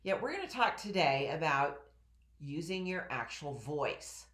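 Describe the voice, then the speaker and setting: A middle-aged woman with a low voice and a head cold teaches in a calm, coaching way, guiding listeners through breathing exercises. Her voice carries a roomy echo. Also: unhurried. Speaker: personal development teacher. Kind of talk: instructional talk to camera.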